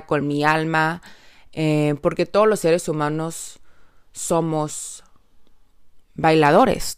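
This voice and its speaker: A woman's voice: sits low, smooth, no echo, clean studio sound. A woman with a Mexican accent hosting a casual podcast monologue, chatty and upbeat, speaking straight to her listeners with lots of little filler tags. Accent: Mexican Spanish. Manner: frequent filler tags like "¿no?" and "entonces". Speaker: podcast host.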